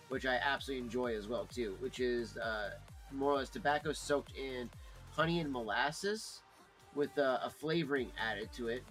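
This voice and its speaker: A man's voice: medium pitch, a bit bright. A man hosting a casual livestream, chatting informally and in a rambling way, as if to friends. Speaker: livestream host reviewing pipe tobacco.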